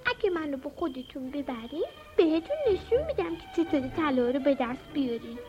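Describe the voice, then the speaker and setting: A woman doing a squeaky tiny cheeky boy. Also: sing-song. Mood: scheming. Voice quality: very high squeaky child voice. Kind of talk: children's storybook reading. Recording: dull recording with music behind.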